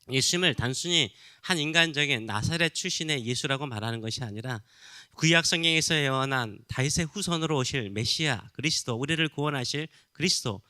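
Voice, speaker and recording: A man's voice: fairly high pitch, pushed and bright, clean tone, no room sound, studio quality. A middle-aged man preaching a sermon as pastor, teaching with questions to the congregation and acting out quoted voices. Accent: Korean. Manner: teaching, asks the congregation questions, acts out crowd rebukes.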